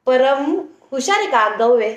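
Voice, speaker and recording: High-voiced young mother coaxing her child. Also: very animated, normal speed. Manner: chatty, coaxing and teasing a small child. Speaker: vlogger, mother filming her son. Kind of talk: casual family vlog chat. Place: indoors at a relative's home.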